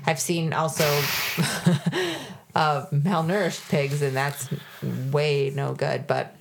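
A woman with a notably low, deep-set voice chats casually as a podcast co-host. She rambles and circles back on her points, stacking fillers and restarts as she goes. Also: drawn-out words, creaky, noisy background. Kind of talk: casual chat.

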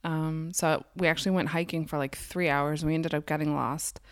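A woman's voice: low voice, fairly even intonation, moderate pace, clear, resonant tone. A woman in her thirties co-hosting a podcast in casual chat, easygoing and chatty with "like" fillers. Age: 30s. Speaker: podcast co-host.

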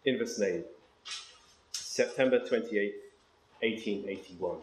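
A man giving an academic lecture, hesitating with ums and reading verse slowly and with care. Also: fairly low pitch, echoey room, a little hiss or hum, low-quality recording. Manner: slow, measured reading of verse, then brisk explanation with ums.

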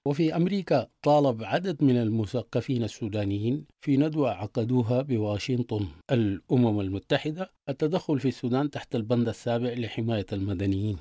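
A man's voice: mid-range voice, animated, quick pace, few pauses, warm tone, no room sound, studio quality. A man reading scripted radio news as a presenter.

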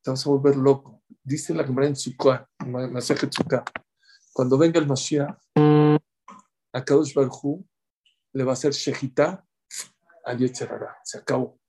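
A man giving a Torah class, animated, talking straight to his listeners and acting out quoted voices with big swings in pitch and loudness. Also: normal speed, long pauses, breathy edge. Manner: speaks directly to listeners, acts out quoted voices. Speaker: rabbi teaching a Torah class.

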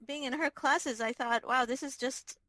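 A middle-aged woman from Israel, a neurobiology professor, answering interview questions thoughtfully with many pauses and restarts. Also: high-pitched, sharp tone, dry recording, poor audio. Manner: thoughtful, lots of ums and restarts.

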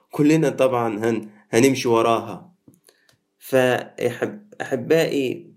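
A man's voice: medium pitch, darkish tone. A man with an Egyptian accent, a Coptic Orthodox priest, giving a sermon in a conversational way that moves between colloquial and formal speech. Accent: Egyptian Arabic.

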